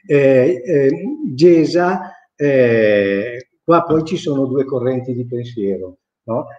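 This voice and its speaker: Slow, dark-voiced man teaching. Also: mid-range voice, animated, roomy sound, dull audio. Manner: patient, explains with repeated examples and tag questions. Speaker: dialect teacher. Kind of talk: informal lecture with audience questions.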